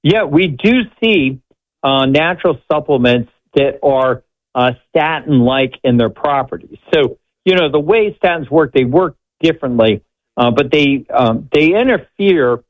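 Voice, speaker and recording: A man with a medium-pitched voice speaks as a doctor guesting on radio. He explains things conversationally, in measured, halting phrases. The audio is a little dull and band-limited.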